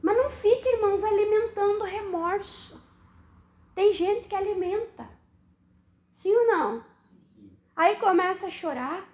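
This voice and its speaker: A woman preacher delivers a sermon in a strikingly high voice. She speaks slowly and emphatically, hammering phrases through repetition and putting questions to her listeners, her words ringing through an echoey church hall. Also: expressive, darkish tone. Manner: emphatic, questions the congregation, repeats for stress. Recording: echoey room.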